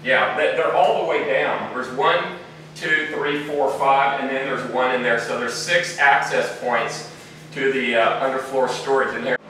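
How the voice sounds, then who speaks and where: Unhurried and fairly even in intonation, the man's mid-range voice carries a sharp tone. As owner of a bunker company, he tours an underground bunker with a casual, salesman-style walkthrough; the recording is echoey with faint noise behind him.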